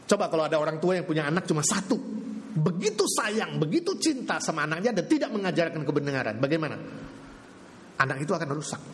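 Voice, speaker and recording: A man preaching a sermon to a congregation, animated, leading call-and-response and acting out quoted voices. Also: a little high, fast talker. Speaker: pastor. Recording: long hall reverb, faint ambience.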